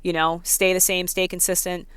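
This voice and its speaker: A woman in her thirties with a New York accent, ranting casually to her vlog audience, talking fast and packing her speech with "like" and "you know.". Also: lowish voice, level tone, fairly bright tone, clean tone, dry recording. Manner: fast, filler-heavy talk with many "like"s and "you know"s. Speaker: vlogger. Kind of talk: casual rant to camera.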